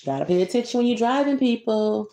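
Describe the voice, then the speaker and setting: In an echoey room, a woman with a slightly high, dark-toned voice reads a bedtime picture book fast and animatedly. She breaks off conversationally to explain the pictures and make remarks to the child listening.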